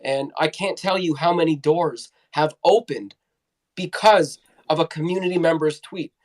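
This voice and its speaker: An upbeat man co-hosts a casual live audio chat, encouraging and teasing the others. His voice sits a little high. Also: moderate pace. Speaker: co-host for the company.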